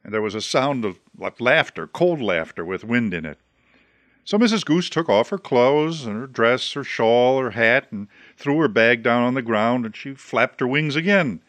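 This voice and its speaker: A man reading a children's story aloud in a gentle, expressive way. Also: mid-range voice, moderate pace, dry recording. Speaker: storybook reader.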